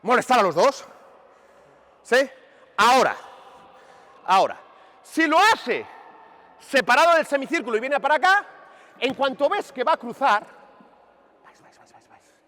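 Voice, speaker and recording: A man coaching basketball players on court, animated and emphatic, firing questions at them as he demonstrates. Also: extremely high pitch, unhurried, long pauses. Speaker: basketball coach running a clinic. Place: large indoor sports hall. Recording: reverberant gym recorded from a distance.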